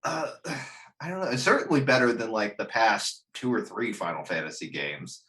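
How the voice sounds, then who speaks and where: This man's voice sits on the low side at an ordinary speed. Chatting casually about films and games on a podcast panel, he's animated and rambling, curses a lot, and often laughs mid-sentence.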